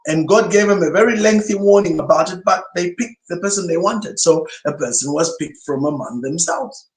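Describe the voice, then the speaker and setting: Here a pastor, a man with a high voice, speaks at a moderate pace in an emphatic sermon-like teaching talk. He leans on rhetorical questions throughout, and his first language is Swahili. There's a roomy echo.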